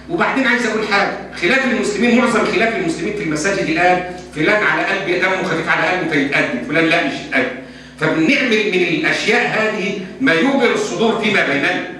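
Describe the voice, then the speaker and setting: A man with a high, bright voice and a forceful tone answers religious questions during a lesson. He is an Islamic scholar with an Egyptian Arabic accent, speaking emphatically and mixing formal with colloquial speech. The recording comes from far off in an echoey hall with a faint hum.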